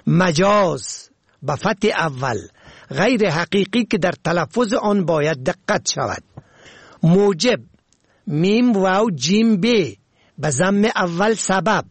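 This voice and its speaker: A man presenting a radio language lesson, reading slowly and carefully and spelling words out letter by letter. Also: high voice, animated, slightly rough, dry recording.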